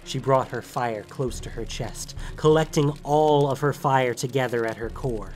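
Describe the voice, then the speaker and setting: A man giving dramatic, steady scripted narration of a story. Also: medium pitch, a little slow.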